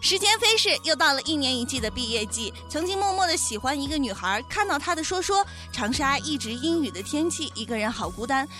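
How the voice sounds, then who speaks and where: A woman's voice: high voice, expressive, brisk, few pauses, fairly bright tone, faint music behind. A woman co-hosting a radio show, reading scripted comic items and listener messages. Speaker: radio co-host.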